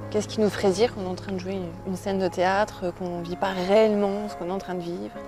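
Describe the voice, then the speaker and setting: A woman interviewer asking measured, probing questions. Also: mid-range voice, little pitch movement, warm tone, soft background music.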